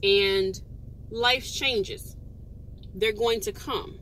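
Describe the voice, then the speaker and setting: A woman's voice: medium pitch, extremely slow. A woman in her forties giving an earnest, casual motivational talk, repeating her points for emphasis. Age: 40s. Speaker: vlogger. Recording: loud outdoor traffic noise.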